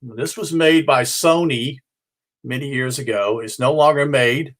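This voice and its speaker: A middle-aged or older man from North Carolina, with an American accent, hosts his ham and shortwave radio hobby show. His explanation is informal and unscripted, halting and rambling, and he often corrects himself. His voice is medium in pitch with a fairly bright tone.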